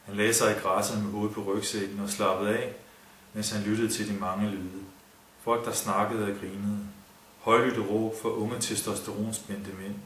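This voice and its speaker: A man reading a story aloud in an even storytelling delivery, with joking asides. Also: lowish voice, slight background noise. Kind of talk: scripted narration. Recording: roomy, distant mic, faint ambience.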